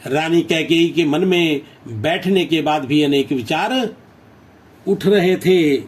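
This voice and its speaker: A man's voice: on the high side, takes it slowly. A male Hindi teacher who reads poetry lines aloud and then explains them step by step, repeating phrases as he goes.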